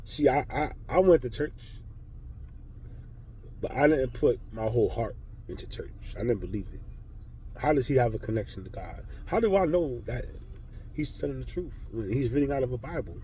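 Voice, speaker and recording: A man's voice: medium pitch, lively intonation, normal speed, warm tone, a little hiss or hum, low-quality recording. A man vlogging a blunt, profane spiritual monologue with heavy emphasis.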